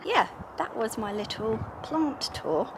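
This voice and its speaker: A woman's voice: on the high side, very animated, slow, noisy background. Chatty woman vlogging at home. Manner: chatty, rambling, many fillers. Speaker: lifestyle vlogger. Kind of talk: casual vlog chat. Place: indoors at home.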